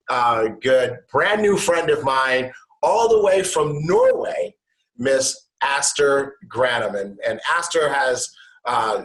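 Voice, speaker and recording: A man's voice: mid-range voice, fairly bright tone. Man, online show host, upbeat, video call, roomy sound. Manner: enthusiastic, upbeat. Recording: echoey room.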